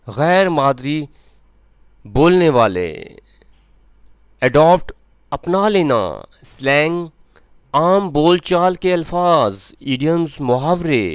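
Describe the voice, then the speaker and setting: Man slowly explaining a text line by line. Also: fairly high pitch, clean tone, no room sound. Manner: slow, repeats each phrase with its meaning. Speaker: English teacher. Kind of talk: word-by-word translation lesson.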